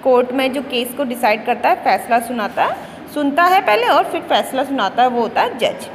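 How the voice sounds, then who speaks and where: A woman English teacher with an Indian accent, switching between Hindi and English, repeating words slowly for pupils to drill their pronunciation. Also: high-pitched, expressive, big-room sound, a little hiss or hum. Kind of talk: classroom lesson explaining words and pronunciation.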